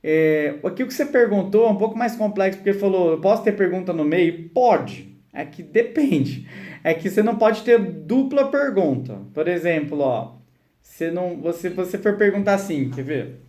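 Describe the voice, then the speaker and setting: High-voiced man teaching English. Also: animated, moderate pace, warm tone. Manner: explains patiently, acts out example dialogues. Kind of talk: live online English class.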